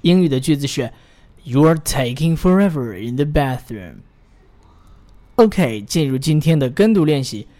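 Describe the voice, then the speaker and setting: This male teacher's voice is somewhat high and mellow, with lively intonation, as he leads an English pronunciation drill. He says each phrase slowly, waits for the learner to repeat it, and keeps encouraging them with frequent praise.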